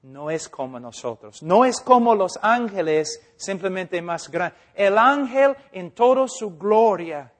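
Male preacher, high voice, unhurried delivery, drops to near-whispers and builds to shouts. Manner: swings from hushed to loud and emphatic. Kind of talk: sermon.

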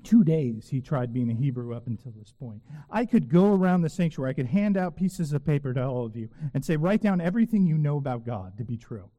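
A man preaching a sermon in a church sanctuary, earnest and emphatic, slowing down to repeat phrases with weight. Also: on the high side, sing-song, dull audio. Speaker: pastor. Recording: long reverb of a church hall.

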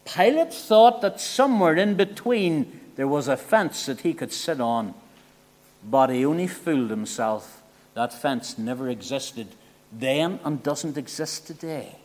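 A man preaching an evangelistic sermon in a church meeting. He is earnest, moving between soft, low asides and loud, emphatic appeals. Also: animated, a little slow. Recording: long church hall reverb.

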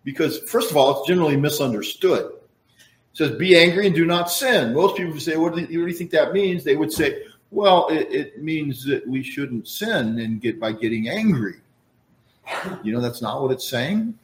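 A man's voice: a little high, expressive, moderate pace, echoey room. A man preaching a sermon in a conversational, folksy way, full of asides and explanations. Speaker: pastor.

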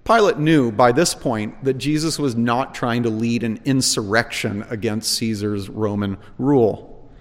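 A man's voice: mid-range voice, unhurried. Man, preacher, expository sermon, emphatic scripture reading, long hall reverb. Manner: reads verses aloud with emphatic quotes, then explains.

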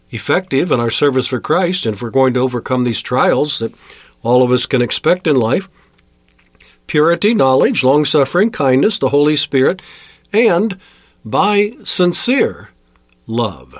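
A man preaching a sermon as a pastor, emphatic, with sharp rises in pitch on key words. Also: sing-song, unhurried, no room sound.

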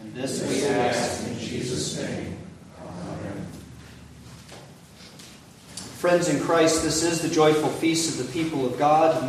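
Male pastor, liturgical reading, cathedral echo with long reverb, distant mic, faint hiss. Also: medium pitch. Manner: measured, solemn prayer recitation. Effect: heavy cathedral-like echo. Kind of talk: leading a communion liturgy. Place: large church sanctuary. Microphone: far from the mic. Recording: echoey hall from far off, faint hiss.

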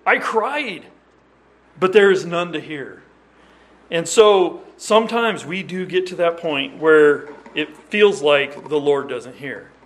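A man with a fairly bright, higher-pitched voice preaches earnestly and emphatically. His scripture readings use old-fashioned wording, and when explaining he keeps restarting phrases and repeating words.

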